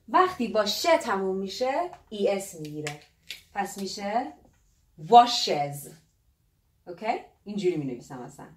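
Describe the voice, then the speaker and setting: Lively woman teaching English, echoey room. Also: medium pitch, recorded from a distance. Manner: lively, drawn-out English words. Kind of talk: explaining grammar at a whiteboard.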